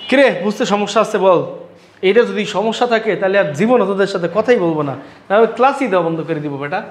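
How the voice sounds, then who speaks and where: High-voiced, teasing male grammar teacher. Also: lively intonation, fairly quick, roomy sound. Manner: teasing, scolding students in colloquial speech. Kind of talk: classroom grammar lesson.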